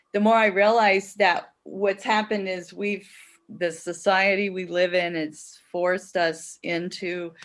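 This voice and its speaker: A woman in casual chat, telling stories in a chatty, animated way. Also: medium pitch.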